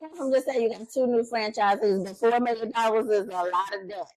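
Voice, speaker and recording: A woman's voice: on the high side, normal speed, a little mellow, no echo, poor audio. Blunt, shady woman recapping reality TV. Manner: blunt, shady, acts out quotes. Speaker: podcast co-host. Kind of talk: casual recap chat.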